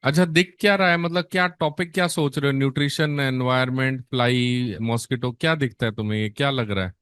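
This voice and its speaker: A man with an Indian accent teaching an exam-prep nursing class in Hindi mixed with English, quizzing students with questions and drawing out key terms slowly for emphasis. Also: medium pitch, a bit bright, clean tone, no room sound, clean studio sound. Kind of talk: online exam-prep lecture.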